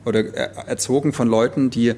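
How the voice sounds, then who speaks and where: A man's voice: mid-range voice, fairly even intonation, brisk, a little mellow, a little hiss or hum. A man from eastern Germany co-hosting a literary podcast, talking through a novel in a rambling, thoughtful way with many restarts. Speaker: podcast co-host. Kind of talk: casual book discussion.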